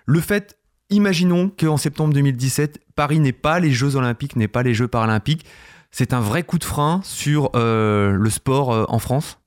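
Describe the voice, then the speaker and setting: Male radio host, mid-range voice, brisk and conversational. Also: mid-range voice. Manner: brisk, wraps up the show. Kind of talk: radio interview hosting.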